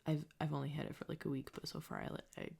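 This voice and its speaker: A woman's voice: deep voice, huge pitch swings, fast talker, creaky, a little mellow, slightly rough. A young woman whispering a rambling, self-deprecating video diary as a music student, recorded on a close desk microphone in her bedroom. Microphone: close condenser desk mic.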